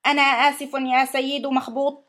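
A mischievous talking machine that mangles every word it repeats, as a woman puts it on. The voice sits a little high and carries an odd, unnatural tone in a storybook reading. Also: a little fast. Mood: mimicking. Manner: flat mimicking repetitions. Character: mischievous female talking machine, garbles words.

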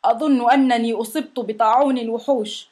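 A woman's voice: fairly high pitch, brisk, lightly acted. A woman doing a patient little monster. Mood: gentle. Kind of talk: storybook reading.

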